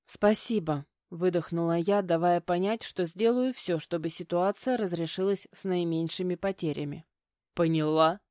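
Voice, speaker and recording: A woman reads a first-person audiobook in a steady, measured way. Her voice sits fairly low. The recording is close and dry, with no room sound. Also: no echo. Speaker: audiobook narrator. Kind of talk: first-person scripted narration.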